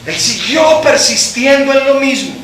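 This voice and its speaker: A man pastor preaching a sermon in a church hall, impassioned and alternating between loud and soft. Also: extremely high pitch, animated, a little slow, a little hiss or hum. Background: congregation answering.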